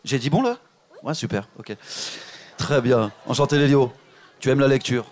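A man hosting a public reading event, lively and encouraging as he addresses the audience and guests directly. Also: mid-range voice, normal speed.

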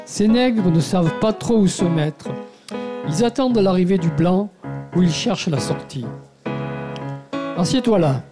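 A man reading a literary text aloud to an audience in a measured, intimate storytelling manner. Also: sits high, expressive. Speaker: guest reader. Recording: piano playing behind the voice. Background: piano music.

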